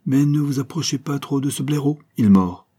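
A man reading an audiobook voices a tall, grumpy old animal-stuffer who shouts threats from a window, then chatters fussily to his guest. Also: mid-range voice, normal speed, breathy edge, voice pushed up, natural voice. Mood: fussy welcoming.

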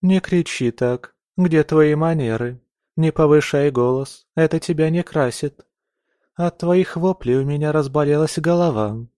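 A man's voice: fairly high pitch, unhurried, dark tone, dry recording, clean studio sound, pitched above the performer's own voice, lightly acted. A man voicing a middle-aged baroness who scolds and soothes her daughter in a firm, tired way. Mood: weary. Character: stern middle-aged baroness, a weary mother.

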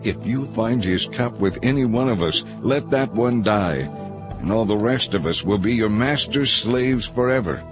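A man's voice: on the low side, animated, normal speed, music in the background, voice pushed up, close to an everyday voice. A man voicing indignant, frightened brothers.

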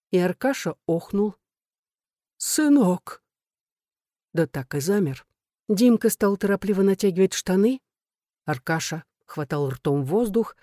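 A woman's voice: lowish voice, warm tone, no room sound, studio quality. A woman narrating a first-person story in a frank, earthy storytelling manner. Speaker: audiobook narrator.

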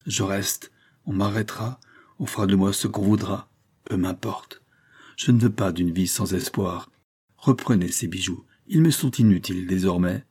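A man's voice: low-pitched, normal speed, a little mellow, husky. A man voicing a passionate, stubborn young nobleman who pleads and swears. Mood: bitter. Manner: pleading then vehement.

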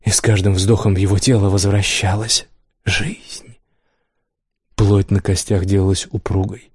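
Dark-voiced male audiobook narrator. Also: low-pitched, level tone, breathy edge, dry recording, clean studio sound. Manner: measured dramatic reading. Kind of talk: scripted narration.

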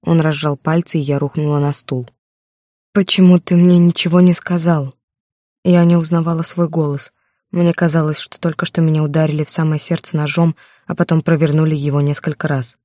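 A woman narrating a first-person romance novel in a steady storytelling voice, on a close microphone. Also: low-pitched, quick pace, no echo. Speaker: audiobook narrator.

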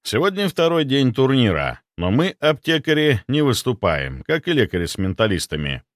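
Expressive male audiobook narrator. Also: medium pitch, normal speed, dry recording, faint music behind.

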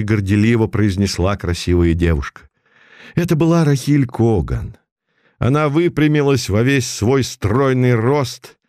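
A man narrating a dramatic audiobook in a slow, grave manner. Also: lowish voice, dark tone, no echo, clean studio sound.

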